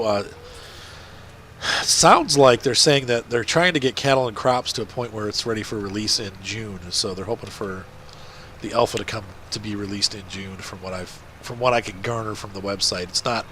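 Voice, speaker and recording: This video host rambles casually through gameplay commentary, his lowish voice congested and stuffy from a blocked nose. The tone is fairly bright, with a little hiss or hum on the recording.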